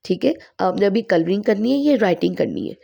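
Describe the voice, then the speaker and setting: A woman speaks in a mellow, warm voice that sounds a little heavy and hoarse from a sore throat. She talks at a middle pitch, giving calm, explanatory parenting advice point by point, as in a home vlog. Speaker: parenting vlogger.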